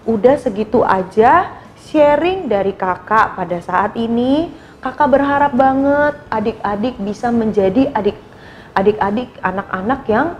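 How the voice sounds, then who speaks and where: A woman's voice: a little high, slight background noise. A woman Sunday school teacher telling a story and coaxing children to love their parents.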